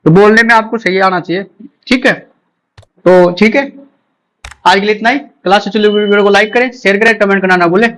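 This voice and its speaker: A man teaching an exam-prep phonetics lesson, repeating key points and drilling sounds slowly aloud. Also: high-pitched, fairly even intonation, a bit bright, poor audio. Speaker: English teacher.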